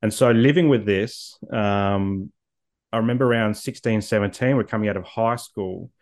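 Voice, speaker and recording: Here a man in his forties from Australia reflects on his own story during an interview, frequently stumbling into ums and repeated words. The pitch is fairly low, the pace normal, and the sound a little mellow.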